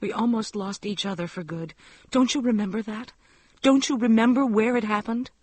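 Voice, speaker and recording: A man's voice: high-pitched, normal speed, a little mellow, dry recording, voice pushed up. A man voicing a distraught, pleading young wife.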